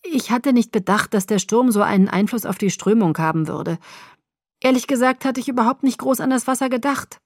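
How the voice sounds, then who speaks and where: A woman's voice: a little high, brisk, no room sound, clean studio sound, voice pushed up, close to an everyday voice. A woman voicing an anxious young woman who pleads urgently. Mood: earnest.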